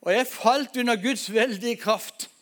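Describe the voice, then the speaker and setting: A man, a pastor, preaching a sermon and telling his testimony in an emphatic storytelling way, addressing the congregation directly. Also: very high voice.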